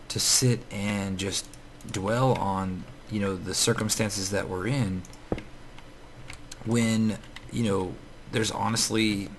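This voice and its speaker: Gravelly-voiced man rambling through gameplay. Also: fairly low pitch. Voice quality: scratchy morning voice. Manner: rambling, many fillers and restarts. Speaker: Minecraft let's player. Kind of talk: casual gameplay commentary.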